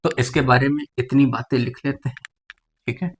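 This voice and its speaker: In a classroom lecture on biology, a man talks fairly quickly at medium pitch with a steady tone, over slight background noise. He refers to students as "beta" and tends to question and then answer himself.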